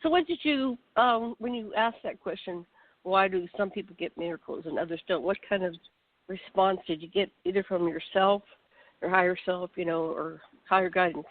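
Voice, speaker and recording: With a fairly low pitch and moderate pace, a woman hosts an easygoing radio talk show, heard without any room sound but through a tinny phone line. She meanders along, narrating herself and chatting as she prepares to bring in her guest.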